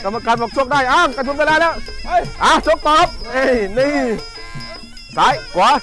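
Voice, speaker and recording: A man giving excited live boxing commentary, urgent and repeating short exclamatory calls. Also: very high-pitched, fast, faint music behind.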